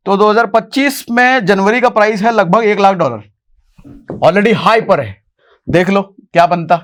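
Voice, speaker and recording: High-pitched chatty male finance explainer. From India. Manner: chatty, animated, often addresses viewers as brother. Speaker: finance YouTuber host. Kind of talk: casual explainer to camera.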